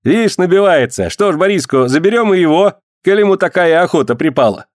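A man's voice: high voice, lively intonation, a little fast, no room sound, studio quality, voice pushed up. A man voicing a jeering young male clerk. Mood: mocking.

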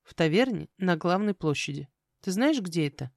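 A woman's voice: fairly low pitch, lively intonation, normal speed, gravelly, no room sound, studio quality. A woman voicing a smug, commanding man who mocks and insists in a fantasy audiobook. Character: mocking, insistent adult man, unbearable rival.

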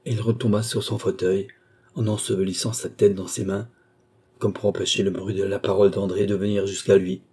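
A man narrating a classic novel in a measured, even storytelling manner. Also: sits low, slightly rough. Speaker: audiobook narrator. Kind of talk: scripted literary narration.

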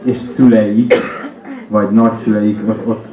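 A man's voice: on the low side, flat delivery, dark tone, roomy sound, rough recording. A man in casual chat, wry and rambling, laughing now and then.

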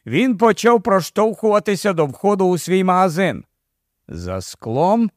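A male audiobook narrator tells the story slowly and expressively, his pitch moving freely. His voice sits fairly high for a man. The recording is close and dry. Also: dry recording. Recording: dry close studio sound.

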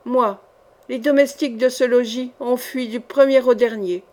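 A woman reading the part of a sinister male poisoner in an audiobook, cold and boastful, in her own slightly high voice. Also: fairly even intonation, normal speed, a little mellow, natural voice.

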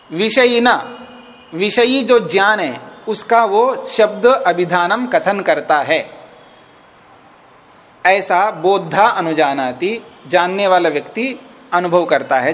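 A man's voice: sits high, a bit bright. A man teaching a class as a swami, reciting Sanskrit lines and explaining each phrase, and checking whether his students follow. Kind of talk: classroom lecture on a scripture text. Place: teaching session at a retreat.

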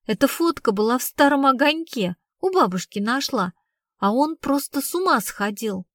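A woman's voice: high voice, animated, normal speed, a bit bright, dry recording, clean studio sound, pitched above the performer's own voice. A woman reading the part of a blunt, streetwise young woman who tells her story in slangy, casual speech. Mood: flat. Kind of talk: audiobook reading.

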